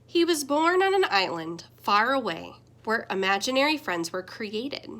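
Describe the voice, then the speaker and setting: A young adult woman, acting as a teacher, reads a children's picture book aloud at a moderate pace. Her delivery is gentle and expressive, with big swings in pitch and loudness.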